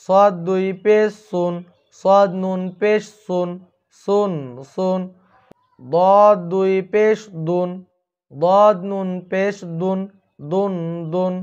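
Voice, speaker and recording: A male Quran teacher drills his students through letter sounds in a slow, measured chant. His voice sits high and comes through smooth and clear. The recording has a dull, lo-fi quality. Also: flat delivery, darkish tone. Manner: slow, drawn-out chanting of letter drills, quicker when explaining.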